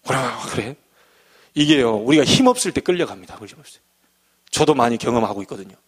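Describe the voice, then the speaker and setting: A middle-aged man preaching a sermon as a pastor, animated and acting out the voices he quotes. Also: mid-range voice, fast talker, husky.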